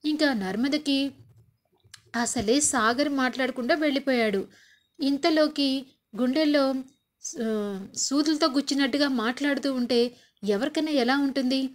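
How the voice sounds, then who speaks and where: A woman's voice: high voice, measured pace, long pauses. A woman casually retelling a television serial episode with chatty, sympathetic commentary. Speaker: serial recap narrator.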